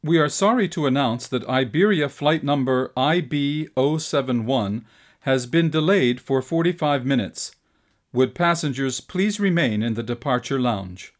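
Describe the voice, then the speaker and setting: Slow, formal male announcer. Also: medium pitch, expressive. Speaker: announcer in a listening exercise. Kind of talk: read airport announcements.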